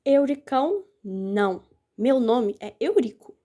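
A wailing, miserly old man, played by a woman in a stage play, complaining and calling on a saint. The voice sits high and leaps all over. The tone is mellow and soft-edged. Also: expressive, takes it slowly. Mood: indignant.

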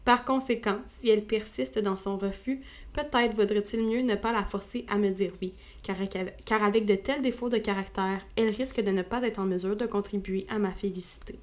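A woman's voice: medium pitch, steady tone, moderate pace, lightly acted. A woman doing a pompous young clergyman.

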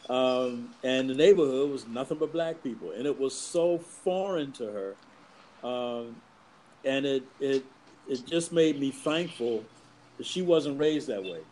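A man's voice: medium pitch, warm tone, slight background noise, rough recording. Reflective middle-aged man telling stories. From US East Coast. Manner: reflective, measured storyteller. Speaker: guest. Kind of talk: casual conversation, personal storytelling.

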